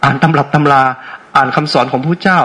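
Guy teaching meditation to a class, kinda high voice, playful, keeps asking questions. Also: fast, sharp tone. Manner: asks frequent rhetorical check questions; playful, teasing with audience. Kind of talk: interactive dharma talk to a class.

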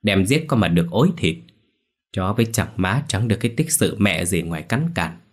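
A man doing a gruff cursing exorcist. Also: low voice, expressive, a little fast. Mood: scornful. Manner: brusque, cursing, barking orders. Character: gruff crude cocky male village exorcist.

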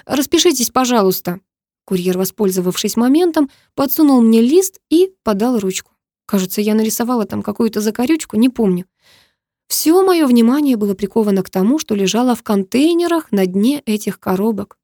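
A woman's voice: fairly high pitch, animated, fairly quick, mellow, dry recording, studio quality. Woman narrating an intimate romance audiobook. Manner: emotive, intimate storytelling. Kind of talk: first-person romance novel narration.

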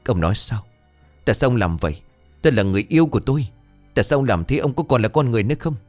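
A man voicing a young man in anguish, shouting broken, desperate questions in a ghost story. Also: fairly low pitch, animated, brisk, faint music behind, natural voice.

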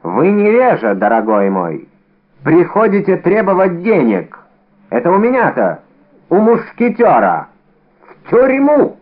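A man's voice: a little high, sing-song, normal speed, pitched above the performer's own voice. A man reading an audiobook, voicing a bold, cunning young musketeer with a brash, theatrical manner, in a narrow, phone-like recording.

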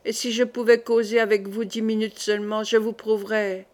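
A woman's voice: fairly high pitch, little pitch movement, brisk, darkish tone, close to an everyday voice. A woman voicing a proud, scheming queen mother. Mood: persuasive. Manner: haughty, insistent.

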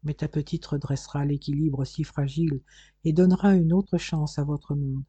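A man voicing a gentle otherworldly spirit in an audiobook, speaking calmly and solemnly. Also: a little high, normal speed, husky, no echo, lo-fi sound. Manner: calm, solemn prophesying.

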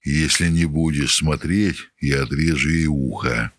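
Man doing a cold, deep-voiced gangster boss. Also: unhurried, dry recording, studio quality, exaggerated voice. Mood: cold menacing. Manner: calm, cold, polite threats. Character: cold menacing male debt-collector boss.

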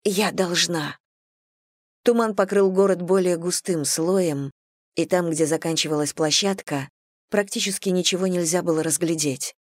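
Woman narrator for a fantasy audiobook, lowish voice, dry close sound. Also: moderate pace, a little mellow, no echo. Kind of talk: scripted narration.

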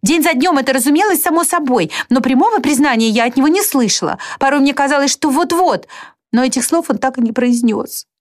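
A woman voicing a distraught young woman who pleads in a high, breaking voice. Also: expressive, brisk. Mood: pained.

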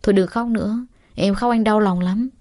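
A woman's voice: medium pitch, steady tone, moderate pace, dark tone, close to an everyday voice. A woman reader voicing a doting young man who coaxes and soothes his girlfriend as if comforting a child. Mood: soothing. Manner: coaxing, soothing like talking to a child.

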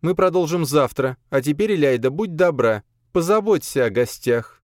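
A woman's voice: low voice, animated, normal speed, darkish tone, dry recording, clean studio sound, voice pushed up. A man voicing a stern, authoritative woman who runs her household, speaking curtly. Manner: curt, authoritative. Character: stern commanding lady of the house.

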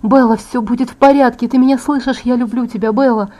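A woman's voice: fairly high pitch, steady tone, fast, warm tone, natural voice. A woman voicing a tender, anguished young man who pleads urgently with the girl he loves, in an audiobook.

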